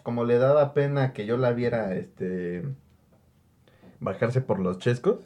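A man's voice: mid-range voice, unhurried, mellow, muffled recording. A young man with a Mexican Spanish accent, co-hosting a casual podcast chat. He tells stories animatedly, with crude slang and laughter. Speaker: podcast co-host.

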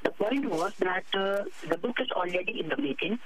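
A man's voice: high voice, a little fast, fairly bright tone, rough recording. A man with a Pakistani accent giving a promotional interview as a guest author, repeating his phrases and talking himself up in the third person.

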